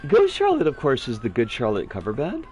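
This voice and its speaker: A man's voice: mid-range voice, very animated, a little fast, soft background music. A man chatting casually as a game streamer, with a sardonic, rambling, sweary manner. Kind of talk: casual livestream chat and commentary.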